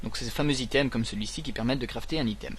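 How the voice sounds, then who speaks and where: A man's voice: mid-range voice, rapid-fire, slightly rough. A man co-hosting a gaming video, casually explaining game mechanics between jokes and banter. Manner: explains game mechanics while joking around. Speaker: gaming channel co-host. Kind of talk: casual let's-play commentary.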